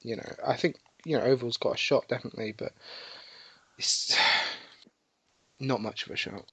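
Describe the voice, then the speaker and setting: A man discussing sport casually as a podcast panellist, explaining his views in a measured way with some swearing. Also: mid-range voice, fairly even intonation, fairly bright tone, husky, no room sound.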